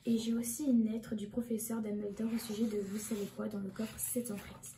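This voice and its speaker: A woman reading the lines of a big gruff gamekeeper, halting and restarting words. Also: medium pitch, little pitch movement, dark tone, lightly acted. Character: half-giant gamekeeper, big gruff man. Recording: echoey room with background noise.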